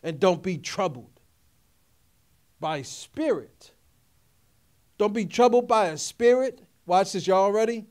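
A middle-aged man delivers a sermon in a notably high voice. He preaches in emphatic, repeated phrases and keeps calling out questions to his listeners. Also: expressive, takes it slowly, long pauses, darkish tone. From Philadelphia area. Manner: call-and-response preaching, repetitive and emphatic. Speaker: pastor.

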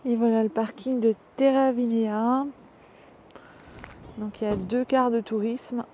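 A woman in her fifties gives casual, chatty travel vlog commentary as she walks, in a slightly high voice. She is captured on a handheld camera, with clear surrounding noise behind her. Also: steady tone, a little slow, warm tone. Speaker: travel vlogger. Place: outdoors and inside a tourist site. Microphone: handheld action camera.

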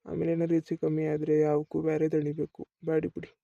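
Gravelly man pleading in a village skit. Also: a little high, monotone, brisk, dark tone, no echo, dull audio. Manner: pleading, whiny village talk. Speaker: comic actor playing a sick farm laborer.

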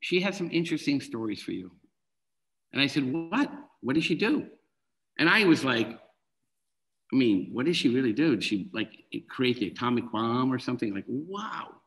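A middle-aged man, a guest and film director, tells stories casually over a video call, lively and voicing the dialogue in his anecdotes himself. His medium-pitched voice moves at normal speed, and the audio is poor.

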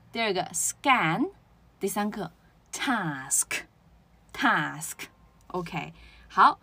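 A woman gives a spoken pronunciation lesson, her pitch rising and falling with plenty of movement. Her voice carries a slightly husky grain as she explains each point and checks in with rhetorical questions. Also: a bit bright, dry recording. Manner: explains step by step, asks rhetorical questions, drills words aloud. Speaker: English pronunciation teacher.

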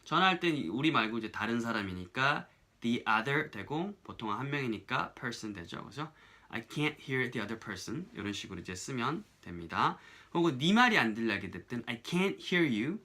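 A man teaching an English lesson in a casual, chatty way, often checking "right?" and saying English lines slowly as examples. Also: medium pitch, very animated, pushed and bright.

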